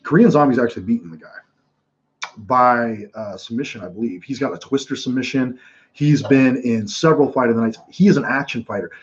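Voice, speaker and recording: A man hosting casual live fight commentary from home, telling stories in a rambling, animated way with many restarts. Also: mid-range voice, brisk. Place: home room watching fights. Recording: dull lo-fi sound.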